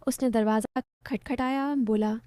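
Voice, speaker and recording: A young woman narrating a first-person romantic story in a soft, confiding, intimate way. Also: a little high, fairly even intonation, a little slow, smooth, no room sound, studio quality. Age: young adult.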